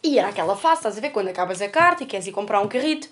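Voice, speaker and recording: A woman's voice: mid-range voice, animated, very fast, a bit bright. A young woman with a European Portuguese accent, telling a story in slangy casual chat with a podcast co-host, often laughing and a little short of breath. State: feeling hot, short of breath.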